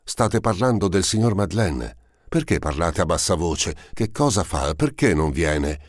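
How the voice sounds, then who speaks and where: A man reading an audiobook, voicing a feverish dying young mother in a rough, hoarse, imperious voice. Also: rumbling low, animated, normal speed, no echo, studio quality. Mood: anxious. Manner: imperious and piercing.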